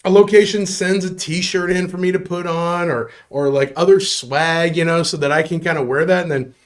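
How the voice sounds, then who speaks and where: A man's voice: a little high, fairly even intonation, moderate pace. A man hosting a live bar prize giveaway show, jokey and upbeat, with chuckles and asides.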